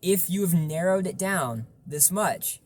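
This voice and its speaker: A man's voice: sits high, a little slow. A man giving an informal, explanatory tutorial on vocal technique, stressing points through repetition.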